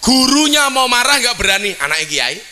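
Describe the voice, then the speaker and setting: Joking preacher man, bright voice. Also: extremely high pitch, big pitch swings, a little fast, a little hiss or hum. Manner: joking storyteller, mimics his child and mixes in Javanese. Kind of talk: humorous sermon at a religious gathering. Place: outdoor religious gathering before a crowd.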